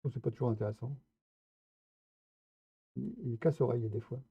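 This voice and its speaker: A man's voice: mid-range voice, fairly even intonation, moderate pace, gravelly, husky, no room sound. A man giving casual gameplay commentary, chatty and playful, talking straight to his viewers. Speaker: streamer. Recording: tinny phone-like, dry sound.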